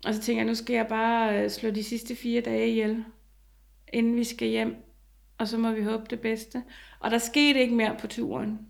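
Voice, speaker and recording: Woman with a creaky voice. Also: fairly high pitch, flat delivery. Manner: halting, many fillers and restarts. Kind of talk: personal story, casual telling.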